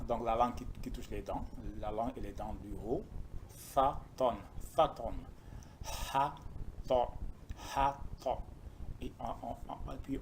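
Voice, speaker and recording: A man teaching a lesson on letter sounds, patient and repeating each syllable slowly for the class. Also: mid-range voice, a little mellow, slight background noise. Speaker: Arabic teacher.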